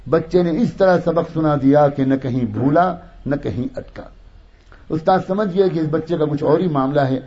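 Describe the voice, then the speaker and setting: A man's voice: on the high side, warm tone, breathy edge. A man telling a moral tale in an emotive, dramatic storytelling manner. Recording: dull lo-fi recording.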